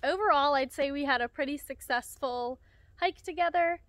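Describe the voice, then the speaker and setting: A woman's voice: high voice, moderate pace, fairly bright tone. A young woman vlogging casually to the camera from inside a parked car, chatty and upbeat. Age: young adult. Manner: chatty, upbeat, talks to her dog. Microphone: phone or camera at arm's length.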